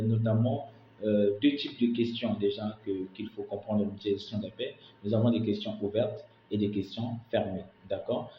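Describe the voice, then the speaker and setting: A man from Senegal teaching call center job tips in French, often checking in with "d'accord?" and pausing on fillers. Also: mid-range voice, reverberant, lo-fi sound, slight background noise. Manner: repeats "d'accord?" and "notamment" often, many hesitations. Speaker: call center career coach. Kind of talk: instructional talk to camera.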